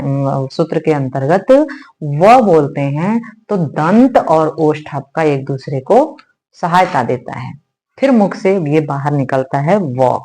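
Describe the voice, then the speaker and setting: A woman teacher walks her viewers through Sanskrit pronunciation, saying each sound slowly and asking them to repeat it. She keeps checking in with her students, calling them "beta" the way a teacher does. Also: low-pitched, a little mellow. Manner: addresses viewers as "beta", asks "hai na?". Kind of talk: spoken online lesson.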